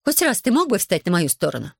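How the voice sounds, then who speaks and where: A woman's voice: medium pitch, huge pitch swings, quick pace, vocal fry, no echo, studio quality, exaggerated voice. A woman reading an audiobook, voicing a fretful, spiteful plantation mistress who whines and hisses her complaints. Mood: whining. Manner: whining, hissing, complaining.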